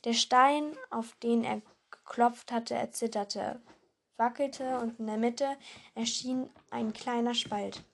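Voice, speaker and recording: Female amateur reader, slightly high voice, home audiobook with occasional stumbles. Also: fairly even intonation, slow, vocal fry. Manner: acts character lines, stumbles and restarts words. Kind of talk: reading a novel aloud.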